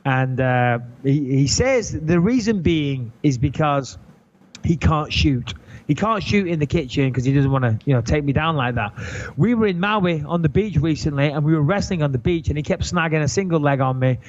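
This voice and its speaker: A man's voice: fairly high pitch, animated, moderate pace. A middle-aged English man with an English accent, chatting casually as a podcast host, joking and swearing. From England. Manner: joking, swearing, restarts sentences. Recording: dull lo-fi audio.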